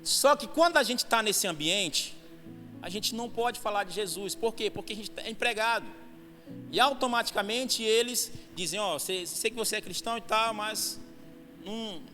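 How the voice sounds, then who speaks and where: High-pitched man preaching fervently. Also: moderate pace. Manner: fervent storytelling, rising to shouts at climaxes. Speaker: preacher giving testimony. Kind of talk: testimony sermon. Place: church hall. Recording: long reverb hall with music behind.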